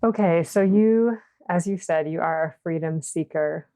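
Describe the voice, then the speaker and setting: A woman hosts a podcast conversation, encouraging her guest and asking open questions. Her voice sits low, with a gravelly fry running through her speech. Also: measured pace, dark tone. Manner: affirming, encouraging interviewer. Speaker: podcast host. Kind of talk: casual interview conversation.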